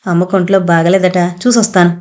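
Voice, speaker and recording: A woman's voice: on the low side, fairly even intonation, quick pace, darkish tone, lightly acted. A woman voicing a proud, earnest young daughter. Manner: earnest and emotional.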